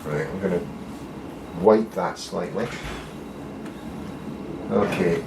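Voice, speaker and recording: Slow, low-voiced Scottish luthier. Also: male voice, vocal fry, background noise. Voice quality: wry, muttering, swears casually, jokes to himself. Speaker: bass luthier. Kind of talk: casual workshop tutorial. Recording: echoey room.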